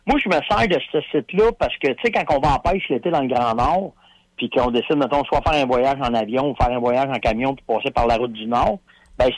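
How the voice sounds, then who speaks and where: In a low-quality, dry recording, a man with a mid-range voice and a Quebec French accent talks casually on the radio. He's an animated storyteller who leans on folksy slang and plenty of fillers.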